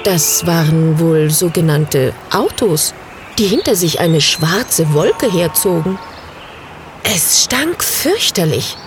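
A woman narrating a fairy tale aloud in a slow, gentle reading voice. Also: lowish voice, sing-song, background noise. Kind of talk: storybook narration.

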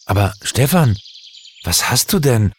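A man's voice: mid-range voice, huge pitch swings, moderate pace, slight background noise, voice pushed up. A man voicing a friendly, eager young boy who calls out to his friend in a storybook reading. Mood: puzzled. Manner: calling out, pleading.

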